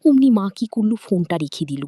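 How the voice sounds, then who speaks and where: A woman's voice: medium pitch, big pitch swings, fairly quick, warm tone, breathy edge, no echo, studio quality. A woman telling an emotional family story aloud, repeating herself and restarting phrases. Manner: repetitive, with restarts.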